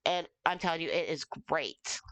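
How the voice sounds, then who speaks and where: Woman streamer just chatting, smooth clean voice, kinda rambly and playful, dry sound. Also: sits low, normal speed, fairly bright tone, dry recording. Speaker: streamer hosting an interview stream. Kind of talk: casual chat.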